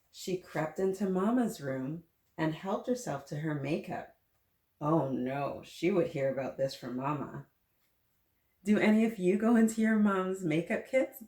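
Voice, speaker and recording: A woman with a fairly low voice leads a children's story time, reading aloud at an unhurried pace. She's gentle and encouraging, adding asides and questions for the young listeners. Her voice echoes noticeably in the room.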